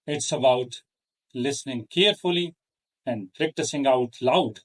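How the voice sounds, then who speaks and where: A man hosting an English pronunciation lesson, speaking in a careful, measured way with pauses between phrases. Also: mid-range voice, far from the mic. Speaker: host, English teacher. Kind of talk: slow deliberate lesson.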